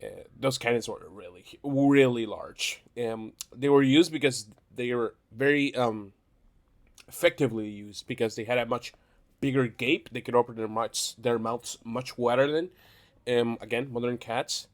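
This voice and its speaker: A man's voice: medium pitch, normal speed. Nasal-sounding sick young man rambling casually. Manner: rambling, self-correcting, laughs between phrases. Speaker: YouTube channel host. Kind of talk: casual tier-list commentary.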